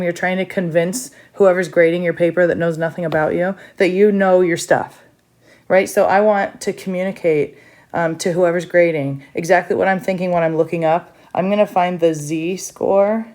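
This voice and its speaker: A woman's voice: fairly low pitch, a little mellow. A woman teacher recording a step-by-step math lesson for her students, chatty, with frequent fillers.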